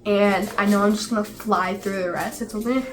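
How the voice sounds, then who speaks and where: A woman's voice: mid-range voice, fairly even intonation, fairly quick, background noise. A woman with a cold and a stuffed-up nose, chatting casually about books on her vlog in her small home library, filling her talk with "like". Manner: chatty, lots of "like" fillers. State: sick and stuffed up. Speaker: book vlogger.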